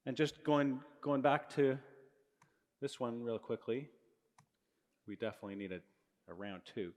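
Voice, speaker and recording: A middle-aged man lectures on physics to students in a big hall, talking into a handheld mic. His mid-range voice has lively intonation and a measured pace, and he explains casually, correcting himself along the way. The large hall gives the recording a long reverb.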